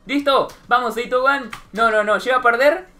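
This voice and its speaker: A young woman with a Rioplatense Spanish accent hosting a gaming channel, giving excited gameplay commentary and shrieking when she loses. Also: fairly high pitch, normal speed, faint music behind. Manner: animated, shrieks when losing.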